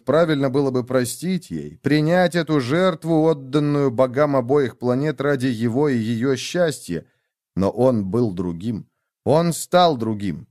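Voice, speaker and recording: A man narrating a dramatic story aloud with emphatic pauses. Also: medium pitch, a little mellow, dry recording, clean studio sound. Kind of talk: dramatic audiobook reading.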